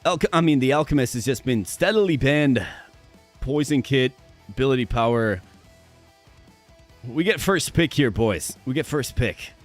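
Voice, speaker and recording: A gaming streamer chats upbeat and animated with his viewers, speaking to them directly during casual live-stream commentary. His medium-pitched voice sounds strained and worn, and he goes a little slowly, pausing often, stuttering sometimes and repeating words. Soft music plays in the background.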